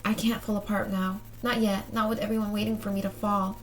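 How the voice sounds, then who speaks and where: A woman's voice: mid-range voice, level tone, fairly quick, close to an everyday voice. A woman voicing the weary young heroine of a dating game, muttering guarded, self-doubting thoughts in a subdued tone. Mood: despairing.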